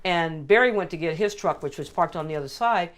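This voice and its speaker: An older woman with a slightly low voice tells family stories in an interview. She speaks in a relaxed, conversational way. When she quotes other people, she slips into their voices with animated delivery. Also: a little fast. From California. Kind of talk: storytelling interview.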